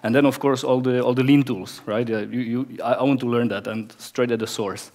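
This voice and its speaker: A man in his thirties speaks English with a Czech accent into a headset mic on a conference stage. His delivery is fairly flat in pitch and halting, with frequent repeated words and restarts as he tells his story. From Czech Republic. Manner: hesitant, many word repeats and restarts. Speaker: conference speaker, production director. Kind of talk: conference talk without slides. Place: bright stage of a conference hall. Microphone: headset microphone.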